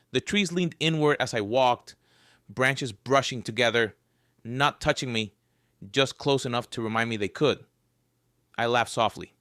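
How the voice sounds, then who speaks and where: A man's smooth, everyday mid-pitched voice carries a first-person survival tale full of creepiness, told by a wry storyteller whose dark humor never fades, even at the worst moments. It's recorded close and dry, with no room sound.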